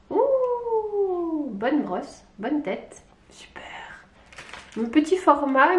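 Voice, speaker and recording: A woman from Lyon chatting casually through an unboxing, excitable and gushing, with little squeals and exclamations. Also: a little high. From Lyon, France. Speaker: beauty vlogger. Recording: echoey room.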